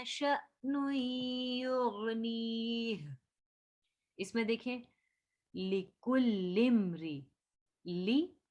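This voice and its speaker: A woman teaching Quran recitation rules online, chanting each verse slowly and patiently repeating words for her students. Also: medium pitch. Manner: slow, drawn-out chanting of verses between explanations. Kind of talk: online tajweed lesson.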